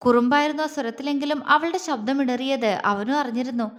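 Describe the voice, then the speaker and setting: A woman narrating a romance audio series with a steady, expressive reading. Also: high-pitched, fairly quick. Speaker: storyteller. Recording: long hall reverb.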